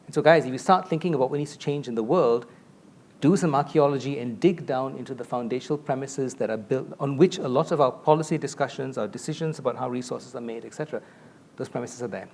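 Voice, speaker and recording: Gravelly and darkish, his mid-range voice moves fast as he explains things at length through a lapel mic. He is a middle-aged Malaysian panelist on a large conference stage with a curtain backdrop, expansive and explanatory in manner, his hands constantly in motion.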